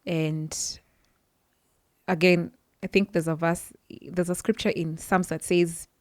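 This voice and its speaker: Lowish in pitch with little movement, her voice proceeds slowly in studio-quality sound, with no room sound. As a podcast guest working in psychology, she earnestly relates her personal story. She frequently stops and restarts, reaching for words.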